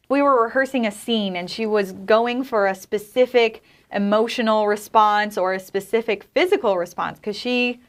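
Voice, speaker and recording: A woman talks about her training as an interview guest. Her delivery is thoughtful and measured, and her voice sits in a middle register. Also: medium pitch. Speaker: interview guest, stage actor and costumer. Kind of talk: casual interview chat.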